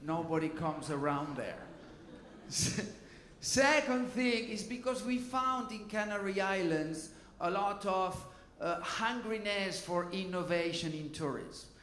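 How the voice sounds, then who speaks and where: A man's voice: high-pitched, animated, slow, fairly bright tone, reverberant, a little hiss or hum. A man, speaking informally on a conference panel and often adding "you know" and "okay". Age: 50s. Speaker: hotel innovation panelist. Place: conference hall.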